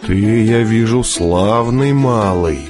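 A man reading an audiobook, voicing a calm young gentleman who speaks in a measured, placating way. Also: fairly low pitch, music in the background.

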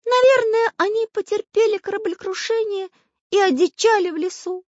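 A woman playing an eager, high-voiced artist. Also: moderate pace, darkish tone, dry recording. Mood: thoughtful. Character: cheerful male artist who draws with his nose. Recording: dry, dull lo-fi sound.

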